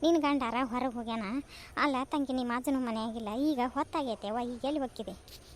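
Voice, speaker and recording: A woman playing a fussy, talkative village mother-in-law in a cartoon, speaking with a North Karnataka Kannada accent. Her voice sits high and sing-song. She talks in long, soothing runs. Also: brisk, slight background noise, close to an everyday voice. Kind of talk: cartoon voice acting.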